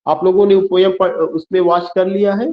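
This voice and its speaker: Teacher repeating terms, spelling words out. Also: male voice, sits high, flat delivery, fairly quick, echoey room, muffled recording. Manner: asks questions and answers them himself; mixes English phrases into his explanations. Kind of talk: classroom lecture.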